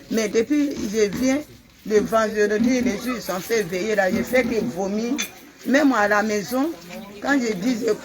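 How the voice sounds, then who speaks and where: A woman giving a simple, earnest church testimony. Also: mid-range voice. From Ivory Coast. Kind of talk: spoken testimony. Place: church gathering.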